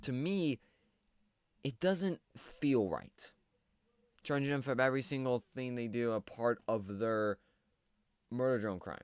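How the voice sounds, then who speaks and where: Male commentator, lowish smooth voice, hesitant and filler-heavy, dry close mic. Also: a little slow, no room sound. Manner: rambling, hesitant, lots of fillers. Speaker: video commentator. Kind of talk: casual commentary on a cartoon series.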